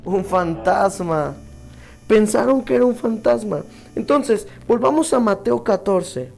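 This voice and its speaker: A man's voice: high voice, animated, a little slow, vocal fry, darkish tone, soft background music. A man preaching a sermon who keeps checking in with his listeners through rhetorical questions.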